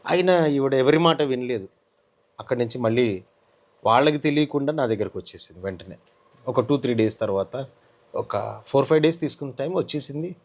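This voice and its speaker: A man's voice: medium pitch, animated, fairly quick, a little mellow. A man giving a personal testimony in an interview, telling his story earnestly and acting out the lines of the people in it. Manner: earnest storytelling, acts out quoted dialogue. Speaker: testimony guest.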